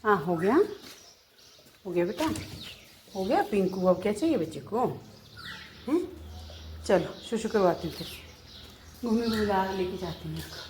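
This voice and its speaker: A woman's voice: medium pitch, animated, normal speed, long pauses, a little mellow, slight background noise. A woman casually narrating outdoors as she films, chatting away and cooing at her dogs in a sing-song voice. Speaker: vlogger filming her pet dogs. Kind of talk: casual narration while filming. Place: outdoors around her home and garden.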